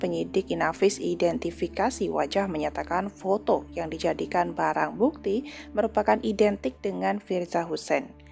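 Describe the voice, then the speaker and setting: Gravelly low woman reading news. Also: a little mellow. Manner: chatty reading, addresses listeners as "gengs". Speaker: news channel host. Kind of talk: casual news narration.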